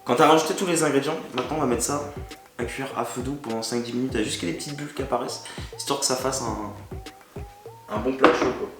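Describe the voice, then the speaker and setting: Fast and medium-pitched, a man runs a casual cooking vlog, joking and chatting with viewers in slang as he talks right at them. Loud background music fills the echoey room he records in.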